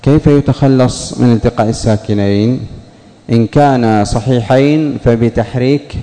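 A man teaches a grammar lesson to a class, mellow and dark in tone, going over each rule again and pressing his students with questions. His voice rings out with a long reverb, as in a large hall. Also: mid-range voice, normal speed. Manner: repeats key points and questions the students.

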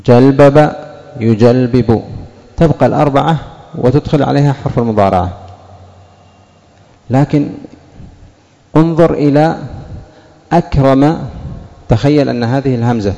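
A man teaching an Arabic grammar lesson in a classroom, questioning students and repeating examples slowly. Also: medium pitch, vocal fry, dark tone, big-room sound, highs cut off.

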